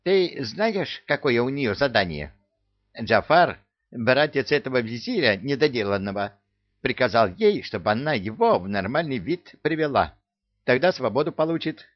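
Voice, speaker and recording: A man voicing a loud, hysterical male parrot who squawks, gossips and brandishes threats. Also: mid-range voice, sing-song, normal speed, no room sound, lo-fi sound, voice pushed up. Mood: gloating.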